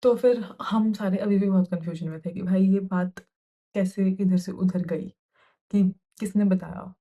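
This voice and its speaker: A young woman from India tells a story straight to camera in casual Hindi, switching into English phrases along the way. She sounds heated and indignant throughout. Her voice sits at a middle pitch with a mellow, soft tone. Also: fairly even intonation, normal speed, highs cut off. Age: young adult. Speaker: vlogger telling a storytime.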